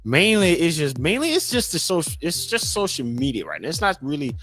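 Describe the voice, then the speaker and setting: A man's voice: a little high, huge pitch swings, fairly quick, fairly bright tone, faint music behind. A man in his thirties hosting a casual solo talk show, rambling with many fillers and self-corrections. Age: 30s. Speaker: podcast host.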